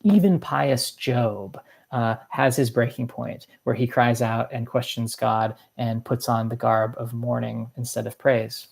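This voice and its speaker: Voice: mid-range voice, steady tone, unhurried, creaky. Rambling, reflective professor of uncertain gender. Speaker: teacher lecturing on a novel. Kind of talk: informal literature lecture.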